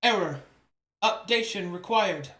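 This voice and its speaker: A man's voice: high-pitched, lively intonation, unhurried, a bit bright, roomy sound. A man voicing Sacriel, a clipped computer intelligence. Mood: monotone. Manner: clipped robotic status reports, computer processing. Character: emotionless machine intelligence answering queries. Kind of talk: game master voicing a computer in a tabletop game.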